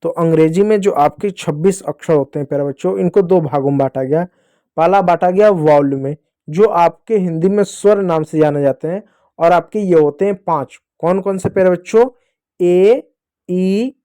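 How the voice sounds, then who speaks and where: A man's voice: sits high, a little slow, mellow, dry recording, studio quality. A young man teaching a phonics lesson to young children, patiently repeating rules and asking and answering his own questions.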